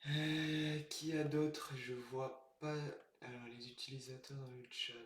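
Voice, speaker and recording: A chatty man hosting a live card-opening stream from a room at home. He greets viewers in the chat, laughs at his own jokes and keeps up a loose running talk. His voice sits at a middle pitch, and the room gives it a noticeable echo. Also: level tone, a little slow.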